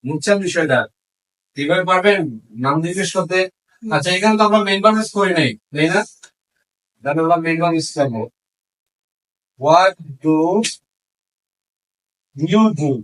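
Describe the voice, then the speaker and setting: A man's voice: fairly high pitch, animated, moderate pace, pauses often, fairly bright tone, far from the mic, rough recording. A man teaching a class how to form English questions, switching between Bengali and English and quizzing his students. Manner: asks the class questions and repeats answers.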